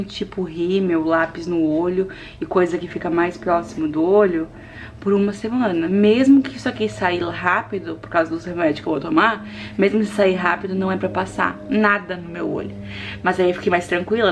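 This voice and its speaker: A woman's voice: medium pitch, a little hiss or hum. A young woman, chatting animatedly to her viewers in a casual home vlog. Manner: chatty, animated storytelling, addresses viewers directly. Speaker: vlogger.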